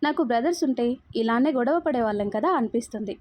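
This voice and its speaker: A woman's voice: fairly high pitch, expressive, fairly quick, a little mellow, lightly acted. A woman voicing a young man who jokes with his best friend in a storybook reading. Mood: bantering. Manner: chatty, banter-filled. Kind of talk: storybook read-aloud.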